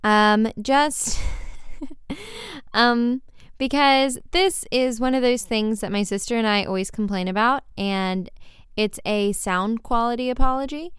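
A woman podcast host speaks from under a blanket spread over her on the bedroom floor, so her voice sounds completely dry and close with no room around it. Her tone is smooth and clear. She talks in a loose, chatty, apologetic ramble straight to her listeners. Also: fairly high pitch, expressive, slow, no room sound. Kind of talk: casual spoken apology to listeners.

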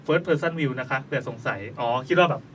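Bright, high-leaning male host, playful storyteller, a bit distant with faint hiss. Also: moderate pace. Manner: laughs often, playful. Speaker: podcast host. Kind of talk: casual chat, reading listener stories.

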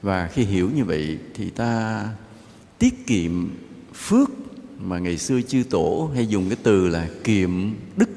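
Gravelly-voiced monk giving a dharma talk. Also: male voice, lowish voice, a little hiss or hum. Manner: relaxed, conversational, gently joking. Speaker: Buddhist monk teacher. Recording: long hall reverb, faint ambience.

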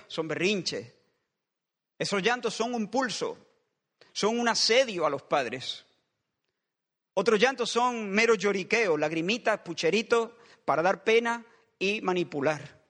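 A man's voice: high voice, a bit bright. A man preaching a sermon in a church, building passionate pleading refrains that circle back again and again. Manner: impassioned, with repeated pleading refrains. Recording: long reverb of a large hall.

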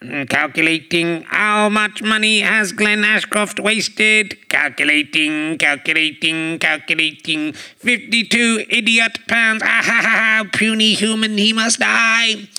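A male podcast host putting on a slow, flat robot voice that sounds like a computer processing and calculating. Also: high voice, clear, resonant tone, full character voice. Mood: menacing. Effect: computer processing voice, slow and mechanical.

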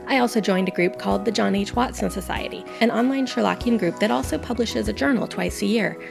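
A woman's voice: mid-range voice, fast, creaky. Woman reading an earnest essay over music. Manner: earnest, enthusiastic, reflective. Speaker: guest podcaster. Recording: music playing under the voice. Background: background music.

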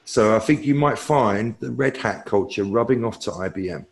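A man's voice: on the low side, moderate pace, creaky. A man, a technology expert guest, answering viewer questions in a rambling, self-correcting, opinionated way.

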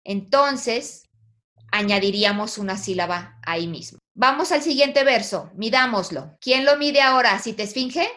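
A woman's voice: on the high side, lively intonation, moderate pace, fairly bright tone. A woman teaching a poetry lesson, asking her students questions and guiding them patiently. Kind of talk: online poetry class.

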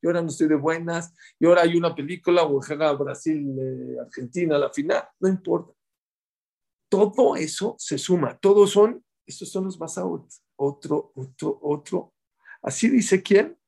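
A man giving a Torah class, animated, talking straight to his listeners and acting out quoted voices with big swings in pitch and loudness. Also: moderate pace, creaky. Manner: speaks directly to listeners, acts out quoted voices. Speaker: rabbi teaching a Torah class.

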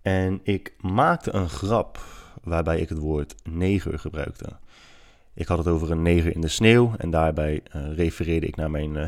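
A man with a very low voice talks alone on his podcast. He argues his opinions firmly, with a lot of hesitant fillers between his points. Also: a little mellow. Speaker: podcast host. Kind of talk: solo opinion podcast monologue.

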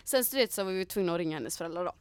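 A woman's voice: fairly low pitch, lively intonation, smooth, no echo. A young woman from Sweden in casual chat, retelling a night out with acted quotes and lots of fillers. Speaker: storyteller in a chat.

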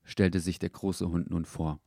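Male storybook narrator: calm, low, dry close recording. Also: unhurried, gravelly, dry recording. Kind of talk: children's audiobook narration.

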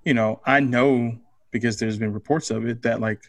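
Relaxed man talking basketball analysis. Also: mid-range voice, moderate pace, vocal fry, dry recording. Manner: relaxed, analytical, loose phrasing with fillers. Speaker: podcast co-host. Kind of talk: casual sports chat.

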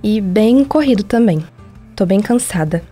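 Tender, mellow-voiced Brazilian mother. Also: mid-range voice, lively intonation, a little slow, faint music behind. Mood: warm. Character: tender, emotional mother and singing teacher. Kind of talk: radio soap opera acting.

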